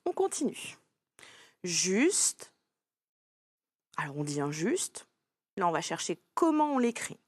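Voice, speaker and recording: A woman's voice: on the low side, sing-song, takes it slowly, pauses often, husky, no echo, studio quality. A woman teaching a lesson to young children, speaking patiently and encouraging the child directly. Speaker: primary school teacher.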